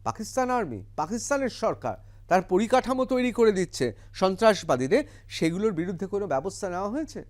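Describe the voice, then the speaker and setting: High-pitched, scornful news commentator. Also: male voice, lively intonation, fast, a little mellow. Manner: scornful, emphatic, reads out English quotes and explains them. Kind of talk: heated political commentary.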